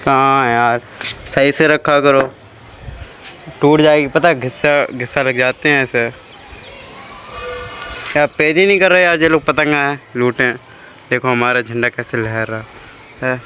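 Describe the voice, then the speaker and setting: A vlogger chats casually from a rooftop, calling his viewers "guys" as he shows them around. His medium-pitched voice is steady, bright and forceful, unhurried with long pauses, and outdoor noise with passing traffic is audible.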